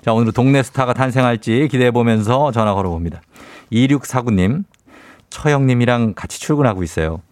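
A man's voice: medium pitch, a little fast, a little mellow, no room sound. A man hosting a radio call-in quiz segment, bantering playfully with a caller and reading out questions.

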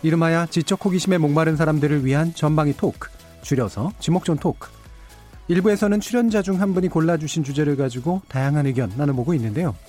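Lively male public radio host, brisk and formal. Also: a little high. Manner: formal, articulate presenter delivery. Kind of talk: scripted public radio hosting.

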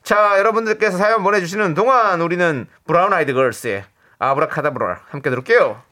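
A man's voice: high-pitched, fast, pushed and bright. A man co-hosting a radio show in a studio, reading out listener messages and announcing prizes.

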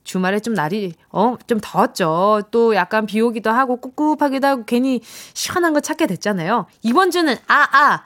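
Lively, chatty woman radio DJ. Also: on the high side, normal speed, few pauses. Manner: lively, chatty, encouraging, acts out quoted lines. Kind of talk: radio show chat reading listener messages.

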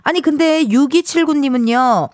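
A woman's voice: high-pitched, moderate pace, a little mellow, no echo, clean studio sound. A woman hosting a radio show, chatting playfully with a caller and laughing often. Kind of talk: casual radio chat with a caller.

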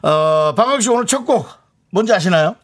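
A man's voice: high voice, lively intonation, brisk. A middle-aged man hosting a live radio show from a studio, teasing his co-host and hyping up visiting children.

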